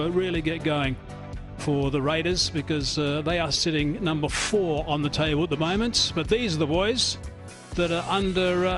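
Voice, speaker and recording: Male cricket commentator opening the match, upbeat and chatty, slightly high voice with music behind.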